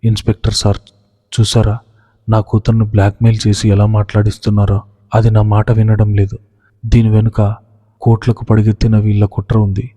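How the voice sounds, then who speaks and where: Casting: crooked old father, read by a man, fake-weepy, low dark monotone, reverberant. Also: a little fast, close to an everyday voice. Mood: shouting accusing. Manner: whining, melodramatic. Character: scheming older father, fake tearful villain. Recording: long hall reverb.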